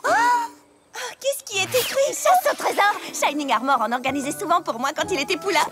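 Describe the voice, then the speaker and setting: A woman voicing an earnest, eager young female pony in an animated cartoon dub, speaking expressively. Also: very high-pitched, moderate pace, very noisy. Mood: excited.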